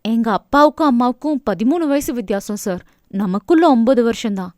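A shy young woman who speaks her mind politely and earnestly, as a woman reads her. Her higher voice is recorded close and dry. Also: brisk, a little mellow, no echo, lightly acted.

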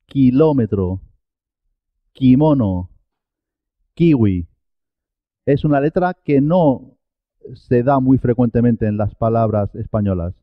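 A man teaching Spanish pronunciation, slowly repeating each example word with careful articulation. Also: medium pitch, dry recording. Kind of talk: pronunciation lesson. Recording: dull, dry lo-fi sound.

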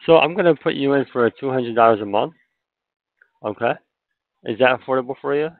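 A man with a gravelly voice, an insurance telemarketer using informal, reassuring patter on a casual sales call. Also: mid-range voice, brisk, no room sound. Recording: narrow tinny phone line.

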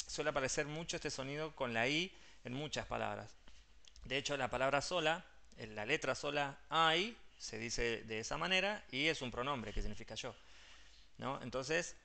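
A man's voice: medium pitch, gravelly, bright, forceful tone. A man with a Rioplatense Spanish accent, an English teacher patiently explaining pronunciation step by step and mixing English terms into his Spanish.

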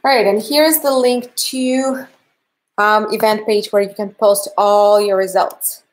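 A woman in her thirties with a Russian accent, originally from Canada, chats in a friendly, upbeat way while wrapping up a livestream painting class from her home art studio. She's the painting instructor, and her medium-pitched voice keeps a fairly even intonation at a measured pace. The audio quality is poor.

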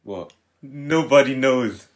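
A man's voice: medium pitch, takes it slowly. A man on a reaction show, telling puns to friends in casual chat, pushy and laughing at his own jokes.

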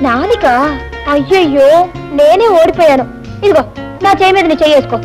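A woman playing a lively, argumentative young woman in film dialogue. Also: high voice, fairly quick, loud music behind the voice, lightly acted, poor audio. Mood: playful.

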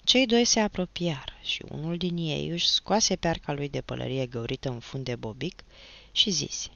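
Woman audiobook narrator, low and bright, expressive, dry slightly dull recording. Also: vocal fry. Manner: expressive, storytelling.

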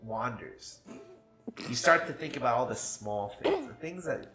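Mid-pitched male voice, rambling casually, echoing room, loud music. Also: sing-song, measured pace. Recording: roomy, loud music behind.

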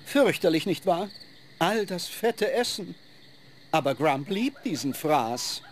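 A man's voice: on the high side, sing-song, slow pace. A man voicing the clever, prissy, scholarly head of a two-headed giant ogre in a video game, speaking in a pompous, fussy, lecturing way. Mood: exasperated. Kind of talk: fantasy video game acting.

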